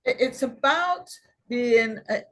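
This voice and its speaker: A middle-aged woman from Guyana, a podcast guest telling stories in a lively, conversational way. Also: on the high side, takes it slowly, poor audio. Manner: animated storyteller, acts out quoted dialogue. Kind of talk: conversational storytelling.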